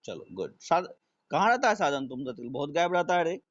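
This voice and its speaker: A man's voice: a little high, big pitch swings, normal speed, a bit bright. A man teaching a live online class, who keeps asking his students if they follow and repeats his own questions. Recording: dull lo-fi stream audio.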